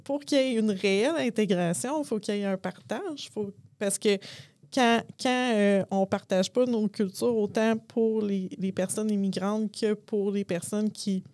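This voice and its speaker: A woman from Abitibi-Témiscamingue, Quebec, speaks with a Québécois accent, offering her opinions on a panel with many hesitations. Her voice is medium-pitched, a little mellow and measured in pace, recorded in clean studio quality with no echo.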